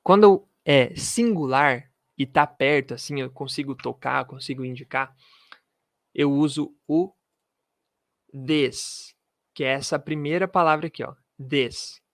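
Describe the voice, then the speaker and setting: Slow, dry-voiced man teaching English. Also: medium pitch, dry recording. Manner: slow, drilling pronunciation with repetitions. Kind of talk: video lesson. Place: room with pens and a globe.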